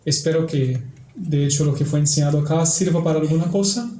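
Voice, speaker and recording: A man's voice: a little high, a little fast, dark tone. A man speaking as a priest in religious talk and prayer, in a didactic way with repeated phrases, in an echoey, cathedral-like room. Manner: didactic, repeats phrases for emphasis, tag questions. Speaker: priest giving a family workshop. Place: large reverberant indoor room. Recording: echoey cathedral-like room, faint background noise.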